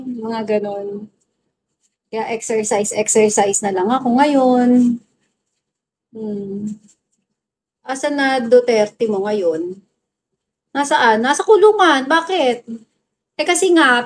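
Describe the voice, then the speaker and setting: Woman from the Philippines, live-stream host, high bright voice, blunt and scrappy with hecklers, phone mic, faint hiss behind. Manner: blunt and feisty, scolds commenters, laughs often. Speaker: livestreamer. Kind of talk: casual livestream chat reading viewer comments. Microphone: phone livestream mic.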